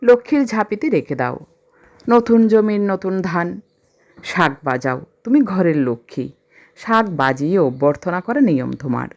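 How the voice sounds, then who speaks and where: Brief: a playful young husband, teasing and coaxing, read by a woman storyteller; low, dull recording. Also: sing-song, moderate pace, a little mellow. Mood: gentle.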